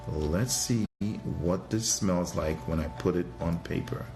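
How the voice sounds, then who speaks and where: Soft music plays behind a low, slightly slow and mellow male voice. He's a Trinidadian fragrance reviewer and livestream host, working through a casual live review by thinking aloud hesitantly and repeating his phrases often.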